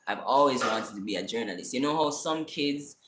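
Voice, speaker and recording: A young Jamaican man in his twenties tells a personal story on a casual livestream, talking in an animated, emphatic way. His voice sits at a middle pitch for a man. The recording is roomy and echoey, with a faint hiss of noise underneath. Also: a little fast. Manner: animated, emphatic, keeps asking "you see me?". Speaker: vlogger. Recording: echoey room.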